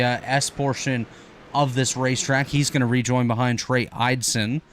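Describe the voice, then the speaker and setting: Guy doing play-by-play for a sim race, medium voice, quick, bit of faint noise behind. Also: medium pitch. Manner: rapid, energetic play-by-play with quick self-corrections. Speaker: play-by-play commentator. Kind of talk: sim racing commentary.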